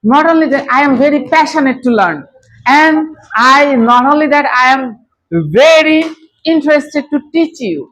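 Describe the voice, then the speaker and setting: A woman's voice: high voice, very slow, fairly bright tone, poor audio. A woman with a Bangladeshi accent teaching a children's spoken English class, coaxing the room and checking "okay?" again and again. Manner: coaxing, repeats "okay?" often, mixes Bengali and English.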